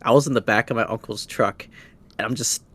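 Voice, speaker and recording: A man's voice: mid-range voice, brisk, a bit bright. A man co-hosting a casual podcast, chatting in a laid-back way and telling personal stories. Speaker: podcast co-host.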